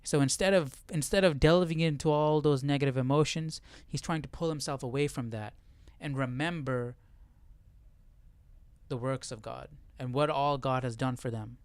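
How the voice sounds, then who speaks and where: With a steady, smooth, medium-pitched voice at a moderate pace, a man leads a Bible study livestream, talking informally through scripture. He checks in with viewers through rhetorical questions, and the recording is dry.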